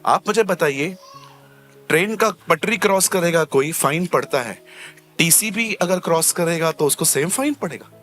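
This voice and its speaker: Male pastor, high and bright-voiced, animated sermon delivery with playful acted-out asides and hammered repetitions; faint music underneath. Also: moderate pace. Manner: animated, acts out little scenes with humor; repeats phrases for emphasis.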